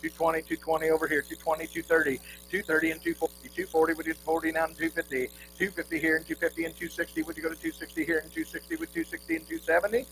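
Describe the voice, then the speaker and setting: A man's voice: on the high side, fairly even intonation, very fast, noisy background. A man working as an auctioneer, calling bids in a rolling, repetitive chant with folksy asides. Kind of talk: rhythmic auctioneer chant with repeated bid calls at a live quilt auction.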